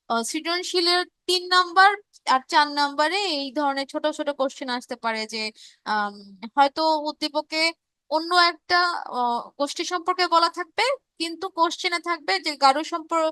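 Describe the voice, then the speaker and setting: High, bright-voiced woman teaching online. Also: no room sound. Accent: Bangladeshi Bengali. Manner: reads chat messages aloud and answers students; explanatory, with frequent fillers and restarts. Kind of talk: live online revision class.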